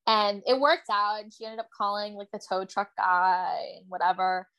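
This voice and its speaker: A woman's voice: mid-range voice, fairly even intonation, moderate pace, a bit bright, clean tone. A young woman co-hosting a podcast, telling a story in casual chat with lots of filler words. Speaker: podcast co-host.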